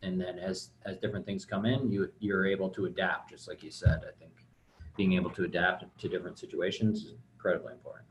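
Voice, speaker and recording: A man speaking as an interview guest, reflective and unhurried, with frequent ums and restarts. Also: low-pitched, steady tone, slight background noise, rough recording. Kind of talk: casual interview talk.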